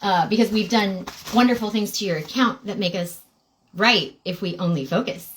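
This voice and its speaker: A woman's voice: mid-range voice, normal speed, close to an everyday voice. A woman putting on the sarcastic, sing-song voice of a smug, condescending utility company representative.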